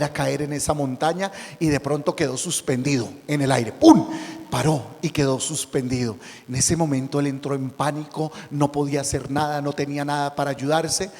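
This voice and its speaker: A priest giving an emotional, dramatic sermon, telling stories and rising to loud emphasis. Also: male voice, on the high side, vocal fry, in a large hall.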